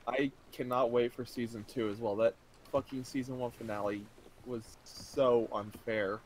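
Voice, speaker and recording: A young man chatting casually with a friend over a game, relaxed and swearing freely. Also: mid-range voice, a little fast, slight background noise, poor audio. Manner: laid-back, swears freely. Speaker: co-player, friend. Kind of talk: casual chat while gaming.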